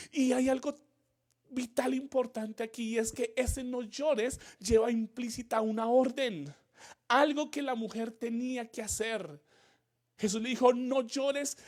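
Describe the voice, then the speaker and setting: A man's voice: high voice, darkish tone. A male pastor preaching a sermon, earnest, repeating key phrases and rising in emphasis. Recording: church livestream.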